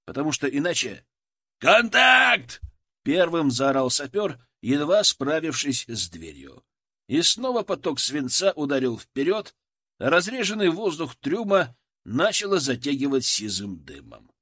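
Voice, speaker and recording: A man reading an action story aloud in a dramatic, expressive narration. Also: on the high side, normal speed, husky. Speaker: audiobook narrator. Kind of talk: scripted narration.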